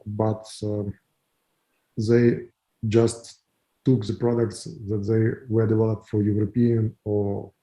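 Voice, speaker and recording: Ukrainian-accented businessman guest, low dark gravelly voice, halting delivery with many fillers. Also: rough recording. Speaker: guest, company founder. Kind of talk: interview answers.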